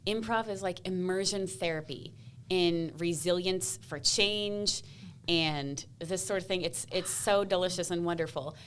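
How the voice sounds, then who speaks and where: A woman guest on a podcast, telling stories in a lively way, laughing often and acting out the people in them. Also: fairly low pitch, measured pace, a little hiss or hum. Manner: animated, laughs often, acts out voices in her stories. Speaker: podcast guest, comedian and speaker. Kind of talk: casual interview storytelling.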